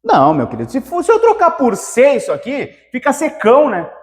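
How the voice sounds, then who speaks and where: A high-voiced man leads an exam-prep grammar lesson. He is lively and animated and talks straight to his students. The recording has a long reverb. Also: a little fast. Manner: lively, animated, calls viewers "meu querido". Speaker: teacher.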